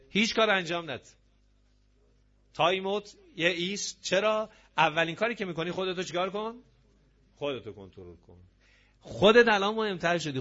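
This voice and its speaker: A man's voice: a little high, pushed and bright. Emphatic preacher man, lo-fi sound. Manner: emphatic, asks rhetorical questions. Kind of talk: religious sermon to a gathering. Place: gathering hall with audience. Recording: dull lo-fi audio.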